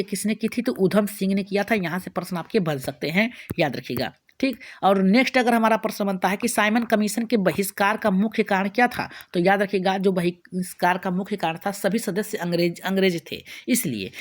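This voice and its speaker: A woman teacher with a Bihari Hindi accent, running an exam-prep lesson as rapid question-and-answer drills, often restarting her words. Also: medium pitch.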